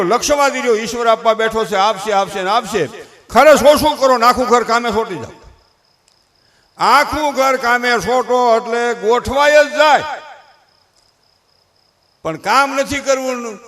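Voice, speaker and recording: A man's voice: very high-pitched, normal speed, long pauses, fairly bright tone. An older man with a Kathiyawadi Gujarati accent, a folk comedian on stage before a live audience, mixing humorous stories with preachy moral advice in rustic dialect.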